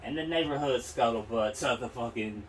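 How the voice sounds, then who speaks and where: A young man from Oakland, California, hosts a podcast and tells personal stories in a slangy, profane, rambling way with an Oakland accent. His voice is mid-range at a normal pace, caught on a distant mic with noisy room sound.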